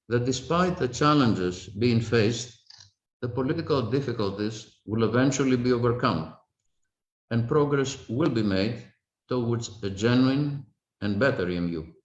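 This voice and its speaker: A man panellist giving formal prepared remarks over a video call, in a measured, deliberate way. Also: medium pitch. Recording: echoey, muffled video-call audio.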